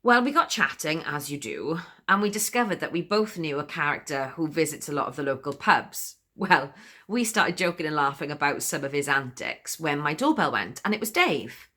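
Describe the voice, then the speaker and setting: A woman's voice: sits low, expressive, normal speed, pushed and bright, heavily acted. An actress playing a chatty, giggly woman who confides her story in a comic spoken monologue and laughs often between sentences. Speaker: monologue performer.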